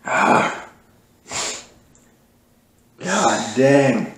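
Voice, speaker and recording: A man's voice: medium pitch, lively intonation, drawn-out words, a bit bright. A young man in a casual reaction vlog, gasping and exclaiming with his mouth burning from spicy food and his eyes watering in pain. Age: young adult. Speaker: challenge video host. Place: small room at a dining table, indoors. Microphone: camera across the table. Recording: echoey room with background noise.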